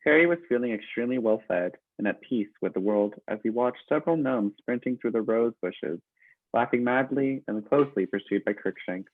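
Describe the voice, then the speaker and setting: A man narrating a storybook in a steady, even read-aloud. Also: medium pitch, a little fast, dry recording, narrow, tinny audio.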